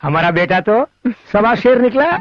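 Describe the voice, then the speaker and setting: A man's voice: high voice, lively intonation, unhurried, heavy background noise. An actor dubbing a complaining middle-aged father on a dull film soundtrack. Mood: grumbling. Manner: complaining, bossy. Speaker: father of the hero.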